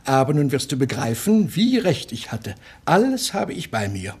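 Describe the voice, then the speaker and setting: A man's voice: medium pitch, big pitch swings, normal speed, darkish tone, slightly rough. A proud, pedantic older man. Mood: stubborn. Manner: pedantic, condescending. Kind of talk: 1960s radio play acting.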